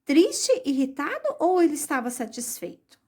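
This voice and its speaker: A woman teaching young children a recorded lesson, explaining slowly and patiently, with many diminutives. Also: sits high, big pitch swings, dark tone. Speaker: primary school teacher.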